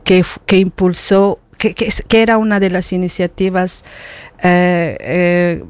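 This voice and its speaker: A woman's voice: on the low side, steady tone, a little slow, clear, resonant tone, no room sound. A middle-aged woman talking earnestly in a casual conversation, often repeating words as she searches for them. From Bolivia. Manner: earnest, with frequent hesitant repetitions.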